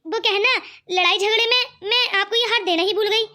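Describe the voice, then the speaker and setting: A woman's voice: extremely high pitch, fairly quick, sharp tone. A woman voicing a sly, clever young married woman who makes mocking asides.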